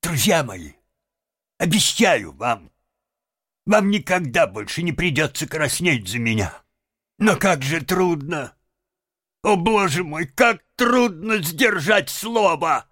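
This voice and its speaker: A man's voice: fairly high pitch, big pitch swings, slow, a bit bright, slightly rough, no room sound, studio quality, pitched above the performer's own voice, full character voice. A man voicing a boastful, vain male toad who pleads and laments melodramatically in an audiobook. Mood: melodramatic. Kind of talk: audiobook character voice.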